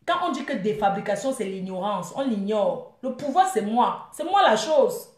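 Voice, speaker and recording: Sing-song and mid-pitched, a young woman vlogger taunts a rival at a moderate pace, laughing frequently through her scornful, mocking live rant. The room has a noticeable echo.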